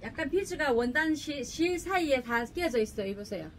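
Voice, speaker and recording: A middle-aged woman chats and jokes as she pushes her clothes. Her voice sits high and swoops up and down. She is recorded from a distance in her shop, with faint room noise behind her. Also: animated, brisk. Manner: chatty, joking, pushy seller. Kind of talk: casual sales pitch.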